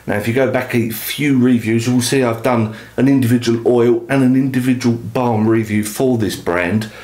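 A man's voice: medium pitch, steady tone, normal speed, darkish tone. A man, talking casually in a product review vlog, audibly out of breath and chatty. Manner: chatty, enthusiastic. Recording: echoey room.

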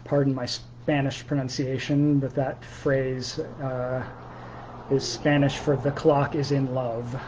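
A man with a measured, deliberate delivery that leaves pauses, speaking as a poet sharing his own work in an informal setting. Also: medium pitch, level tone, a little mellow, slight background noise, poor audio. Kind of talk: slow poetry reading with informal spoken commentary.

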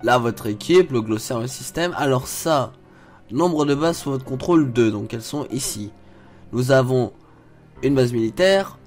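A young man casually commenting on a retro PC strategy game as he plays, explaining menus as he goes. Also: medium pitch. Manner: chatty, explains menus as he clicks, frequent fillers. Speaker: gaming video host. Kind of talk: casual let's play commentary.

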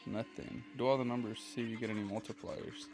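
A man's voice: mid-range voice, little pitch movement, fast talker. Casual man, music behind. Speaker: vlogger filming lottery scratching. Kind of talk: casual chat and commentary.

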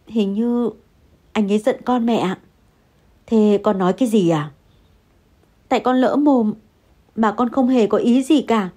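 A woman's voice: on the high side, measured pace, long pauses, warm tone. A woman voicing an anxious young wife who pleads and apologizes in an audio story. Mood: pleading.

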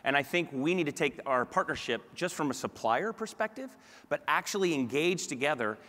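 A man's voice: on the high side, animated, brisk, pushed and bright. A middle-aged man talking conversationally as a guest executive on a conference stage, wearing a lapel mic. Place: large conference stage indoors. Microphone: clip-on lapel mic. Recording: amplified hall with long reverb.

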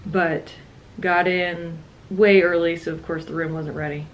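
Young woman, tired, chatty and playful, lowish voice, faint hum behind. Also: steady tone, unhurried, muffled recording. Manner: chatty, playful, trailing off with laughs. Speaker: travel vlogger. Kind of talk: casual chat.

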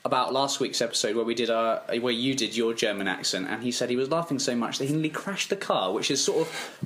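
A man's voice: mid-range voice, fast talker, fairly bright tone. A man co-hosting a video game podcast in casual chat, swearing freely and reading out news items. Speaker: podcast co-host.

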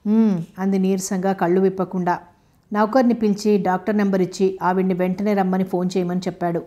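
A woman narrating a novel for an audiobook. Her delivery is steady and level, with little rise and fall in pitch. Her voice sits in a middle register, and she reads in a calm, measured storytelling style.

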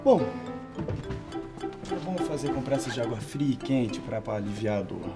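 Casting: male actor as a calm young Brazilian doctor, mid-pitched, patiently explanatory, telenovela drama, music behind. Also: moderate pace, close to an everyday voice. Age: young adult. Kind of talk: telenovela acting. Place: indoor television drama sets.

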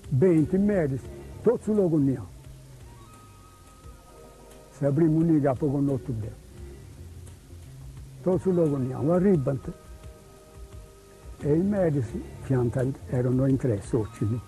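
An older man with a Sardinian accent recalls his youth in a rambling, halting way. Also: a little high, expressive, dark tone, faint music behind, rough recording.

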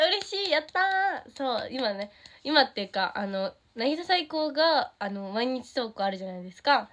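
A woman's voice: on the high side, fairly bright tone. A teenage girl with a Kansai accent, chatting casually on a livestream, reading fan comments and giggling often. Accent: Kansai Japanese. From Japan. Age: teens. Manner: bubbly, giggly, easily delighted by comments. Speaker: idol streaming to fans.

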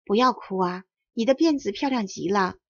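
A woman voicing a kind older male school principal in a storybook reading, speaking in a gentle, smiling way. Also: mid-range voice, normal speed, gravelly, breathy edge. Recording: dull lo-fi audio.

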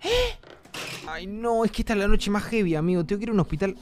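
A young Argentine man streaming a horror game alone in a dark apartment, nervous and rambling, swearing and yelping when scared. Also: sits high, racing, background noise. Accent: Argentine Spanish. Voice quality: jumpy, screams and yelps when startled. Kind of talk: live gameplay commentary.

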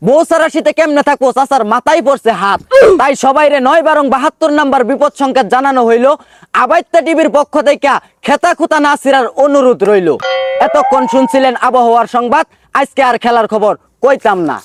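High-pitched Bangladeshi parody news anchor played by a man. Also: brisk. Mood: mock-solemn. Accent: Bangladeshi rural colloquial. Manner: mock-solemn, rhyming, theatrical announcing. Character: bombastic male parody news anchor of a village comedy channel. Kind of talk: parody news bulletin in rhyming satire.

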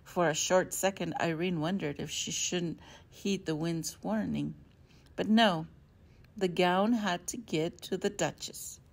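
A woman teacher reading a picture book aloud to children, expressive and friendly. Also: lowish voice, gravelly. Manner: warm, expressive storytelling to children.

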